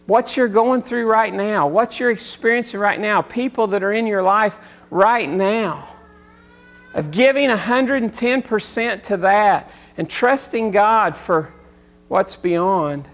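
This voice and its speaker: A man in his forties preaching a sermon as pastor, rising loud and intense at times, then dropping into quiet, reflective talk. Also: sits high, slow. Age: 40s.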